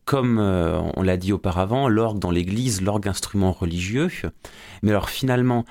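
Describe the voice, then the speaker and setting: A man's voice: on the low side, darkish tone. A man interviewing a guest, building his questions step by step as he talks.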